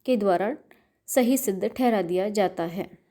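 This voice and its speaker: Woman giving a measured college lecture. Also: medium pitch, dark tone. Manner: measured, explanatory, repeats words to show pronunciation. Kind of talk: recorded university lecture.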